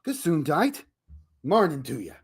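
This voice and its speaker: A woman's voice: deep voice, sing-song, heavy background noise, heavily acted. A woman playing a slick wisecracking man. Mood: scheming. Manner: smooth, fast-talking, slangy. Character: fast-talking wisecracking man, Al. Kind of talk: amateur radio drama reading.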